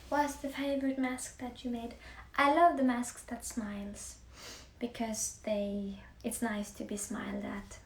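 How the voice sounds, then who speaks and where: A young Norwegian woman with a Norwegian accent, chatting softly on a livestream while she paints, often slipping into near-whispers. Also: fairly high pitch, little pitch movement, a little slow. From Norway. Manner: soft-spoken, often drifting into near-whispers. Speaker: musician live-streaming to fans. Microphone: phone. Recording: echoey room with faint background hiss.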